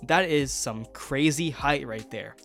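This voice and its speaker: A man's voice: mid-range voice, a little slow, gravelly, a bit bright, faint music behind. A young man vlogging a mountain hike, enthusiastically explaining geology and nature outdoors. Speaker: travel vlogger. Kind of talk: educational hiking vlog.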